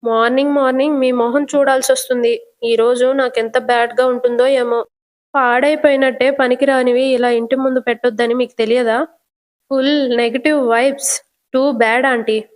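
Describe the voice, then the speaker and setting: A woman's voice: high-pitched, little pitch movement, normal speed, natural voice. A woman voicing a rude, scornful young woman who sneers and mocks as she talks. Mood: disgusted. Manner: sneering, mocking.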